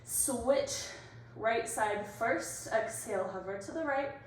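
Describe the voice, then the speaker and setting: A woman leading an exercise class as instructor, giving brisk, directive cues and counts in short imperative phrases. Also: fairly high pitch. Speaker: workout instructor. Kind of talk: exercise class coaching, cueing moves and counts. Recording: echoey room, distant mic, faint noise.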